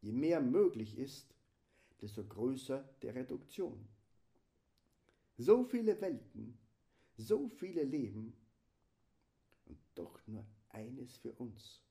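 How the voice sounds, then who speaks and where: A man delivering a slow, solemn spiritual meditation, often sinking into a hushed whisper. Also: mid-range voice, sing-song, gravelly. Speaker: preacher.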